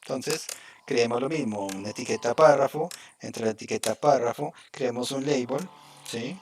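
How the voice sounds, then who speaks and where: A man's voice: mid-range voice, normal speed, a little hiss or hum. Man teaching a live coding lesson. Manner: explains step by step, often checking in with "¿cierto?" and "¿ok?". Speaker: programming instructor.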